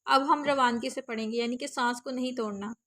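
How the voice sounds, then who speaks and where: High-voiced woman teaching Quran recitation. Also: fairly even intonation, fairly bright tone. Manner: instructive, spells out letters and vowels slowly. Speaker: online Quran tajweed teacher. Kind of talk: recitation lesson with slow demonstrations.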